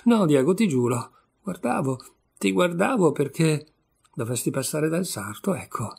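A man's voice: fairly high pitch, very animated, measured pace, creaky, darkish tone, breathy edge, heavily acted. A man reading a short story aloud, voicing an anxious mother who timidly pleads with her grown son. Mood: flustered.

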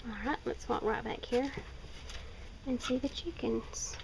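A woman's voice: a little high, steady tone, a little slow, gravelly. A woman giving a rambling, chatty walk-around tour of her small farm outdoors, speaking into a handheld camera. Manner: rambling, chatty, with many fillers and restarts. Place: outdoors on a wooded farm by rabbit hutches. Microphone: handheld camera mic, filming herself off camera. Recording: faint outdoor noise.

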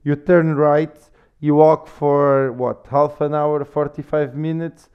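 A man from Portugal with a Portuguese accent, a guest chatting in a relaxed, meandering way in English. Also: a little high, slow, clear, resonant tone. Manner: relaxed, meandering explanations with fillers. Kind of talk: casual conversational interview. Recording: slightly muffled podcast audio.

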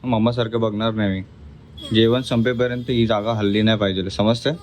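A man with a fairly low, level voice speaks briskly over background noise. He's vlogging about his family, addressing viewers while coaxing and teaching his toddler at mealtime in a firm way.

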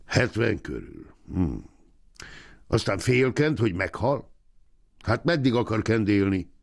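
Guy putting on a brusque fat rich landlord, bossy and impatient, raised pitch but still gravelly. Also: very animated, no echo, clean studio sound, full character voice. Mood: gruff. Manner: curt, brusque. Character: fat, gruff landowner lord, impatient and haughty.

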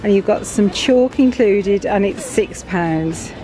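A middle-aged British woman vlogging from a big store, chatting excitedly about items and their prices. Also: medium pitch, slow pace. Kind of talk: shopping vlog walkthrough. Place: large busy store indoors. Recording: store music and crowd noise behind.

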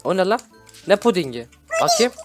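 A young man hosting a gaming video, reacting loudly and constantly to everything on screen. His voice sits fairly high and swings widely in pitch. Music plays clearly behind him. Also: brisk. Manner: excitable, shouty, constantly reacting. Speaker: gaming YouTuber host. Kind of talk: gameplay commentary. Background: background music.

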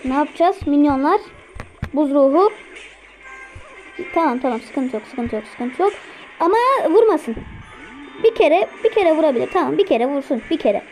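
High-voiced excitable woman gaming. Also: moderate pace, long pauses, faint music behind, rough recording. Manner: excitable, talks to herself while playing. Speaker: gameplay streamer. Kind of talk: live gameplay commentary.

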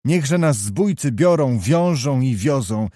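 A proud young noblewoman from an audiobook, defiant and full of contempt, as a male narrator reads her lines. The voice stays mellow and dark, recorded dry and close. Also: medium pitch, lively intonation, slow, dry recording.

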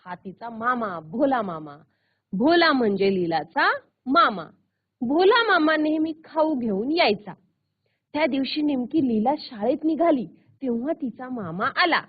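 Woman teacher reading a story to children, unhurried and lively, tinny phone line. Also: on the high side. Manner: asks the children questions, storybook tone.

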